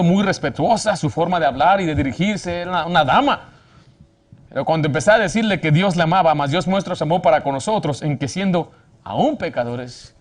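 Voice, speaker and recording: A man preaching a sermon fervently, asking rhetorical questions and often restarting his phrases. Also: on the high side. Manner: frequent restarts and self-corrections.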